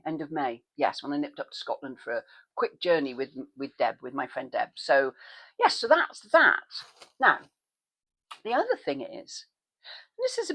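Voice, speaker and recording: Woman, chatty vlogger, rambling asides, lively pitch swings. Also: low-quality recording. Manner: animated, with sudden pitch leaps when excited. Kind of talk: casual chat.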